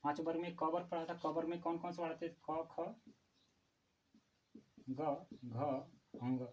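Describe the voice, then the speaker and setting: A man teaching a Hindi grammar lesson for exam preparation, asking questions and answering them himself and repeating key terms slowly. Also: a little high, darkish tone, low-quality recording.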